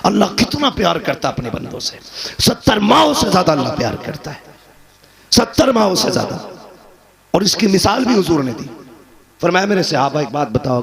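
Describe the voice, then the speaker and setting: A man preaching a sermon, rising to loud emphatic peaks and then dropping low. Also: gravelly. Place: gathering with a live crowd. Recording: crowd responding audibly.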